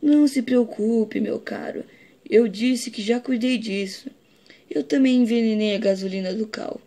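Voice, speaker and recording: A woman voicing a scheming, smug villain car in a mustache-twirling, deliberate manner, in a toy-car cartoon story. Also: a little high, warm tone. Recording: noisy home recording with clicks.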